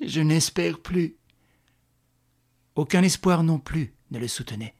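A man reading a novel aloud as audiobook narration, in a grave, measured storytelling manner. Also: fairly high pitch, a little hiss or hum. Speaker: reader.

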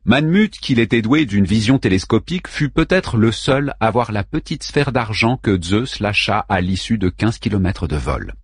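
A man narrating an audiobook in a steady, measured way. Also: fairly low pitch, husky, no room sound, studio quality. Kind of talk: scripted narration.

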